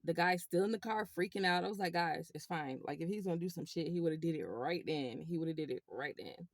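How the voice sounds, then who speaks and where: A woman telling a rideshare story to her viewers in a casual, animated way. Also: fairly low pitch, fairly quick, no room sound, clean studio sound. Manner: animated, chatty, addresses viewers as y'all. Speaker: rideshare driver vlogger.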